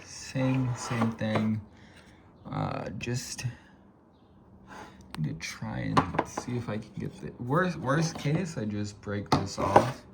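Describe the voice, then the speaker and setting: An American man in a casual DIY car repair vlog, muttering low and sighing as he works on a stuck part. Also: sing-song, slow pace, creaky, heavy background noise. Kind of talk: casual chat while working.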